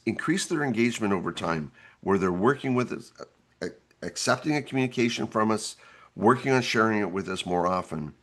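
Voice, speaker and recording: A man with a hoarse, gravelly voice presenting an instructional webinar in an earnest, explanatory way. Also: on the low side, fairly bright tone. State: hoarse, gravelly from losing his voice.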